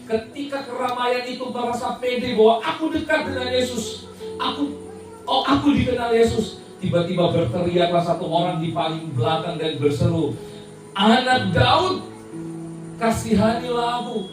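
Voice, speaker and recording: A woman pastor preaching a dramatic sermon in a church hall, her voice swinging between loud declarations and soft, low pleading. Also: normal speed. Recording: echoey hall, music behind, distant mic.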